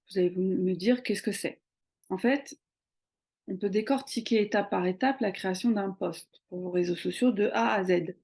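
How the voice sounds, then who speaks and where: Young woman, casual video tutorial, mellow tone, frequent hesitant fillers, conversational. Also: medium pitch, slightly rough. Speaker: social media marketing coach.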